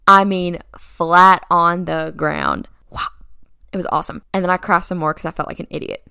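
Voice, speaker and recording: A woman's voice: on the low side, normal speed, gravelly, clean tone, no echo, clean studio sound. A young woman casually telling her viewers a dramatic personal story, acting out the people in it. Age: young adult. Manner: animated, dramatic, quotes people in voices.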